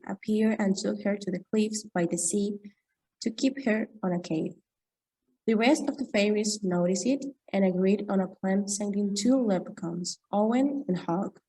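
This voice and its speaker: A woman's voice: mid-range voice, warm tone, breathy edge, poor audio. A nineteen-year-old woman from Argentina, a language student summarizing a story for a class presentation.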